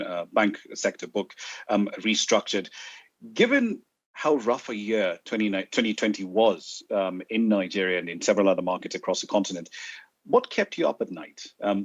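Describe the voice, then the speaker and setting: A man interviewing in a fireside chat, asking measured questions with frequent fillers. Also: lowish voice, no echo, lo-fi sound.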